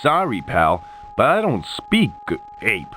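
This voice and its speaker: Brief: cocky adventurer hero in a game, wry and easygoing, very animated pitch, faint music behind. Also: male voice, takes it slowly, exaggerated voice. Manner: wisecracking, laid-back. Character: wisecracking adventurer pilot, cocky man. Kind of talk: video game voice acting.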